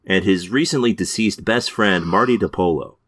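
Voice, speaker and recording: A podcast co-host chats casually about TV shows, his low voice moving at a normal pace with a slightly bright, slightly rough edge. He sounds hesitant, full of fillers and restarts. The audio is clean studio sound with no echo.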